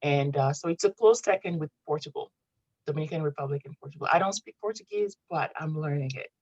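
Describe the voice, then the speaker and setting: Low-voiced woman chatting as a guest. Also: fast, a little mellow, dry recording, lo-fi sound. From Morocco. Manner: chatty, laughs often, restarts. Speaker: guest, content marketing strategist. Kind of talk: casual interview chat.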